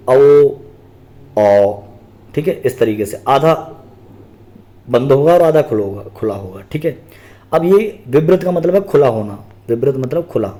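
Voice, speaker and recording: A man's voice: mid-range voice, dark tone. A man teaching an exam-prep grammar lesson, explaining step by step, asking and answering his own questions and repeating key terms.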